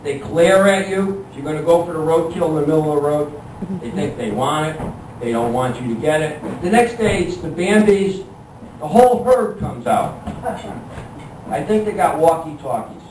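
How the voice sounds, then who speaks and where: A middle-aged man doing live stand-up storytelling in a conversational, halting, exasperated and self-deprecating way. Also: fairly high pitch, lively intonation, a little mellow. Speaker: stand-up comedian. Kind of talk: live comic storytelling to an audience. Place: live room with an audience. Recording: echoey room, distant mic, clear background noise.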